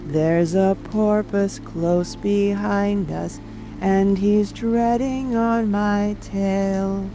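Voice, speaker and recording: A woman as the slow, mournful Mock Turtle. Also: fairly high pitch. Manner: slow, mournful, drawn-out delivery. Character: melancholy, sighing, sentimental Mock Turtle sea creature. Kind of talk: full-cast dramatic audiobook reading. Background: soft rain ambience and music.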